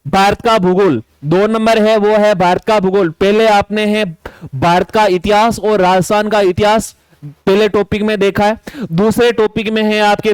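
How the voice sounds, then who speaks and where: High-voiced coaching teacher. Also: male voice, clean tone, no echo. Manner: lists topics, repeats key instructions. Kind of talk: syllabus walkthrough lecture.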